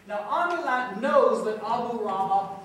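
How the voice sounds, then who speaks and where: A man plays a confident analyst who takes apart news footage shot by shot and brushes off doubts. His voice sits unusually high, and he stumbles over small fillers. The stage is picked up from a distance, in a booming, echoing hall. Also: expressive, normal speed, a bit bright, a little hiss or hum. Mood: assured. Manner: explains footage step by step with frequent uh fillers. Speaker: stage actor in a multimedia play. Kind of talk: stage play dialogue. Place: theatre stage. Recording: echoey stage recorded from far off.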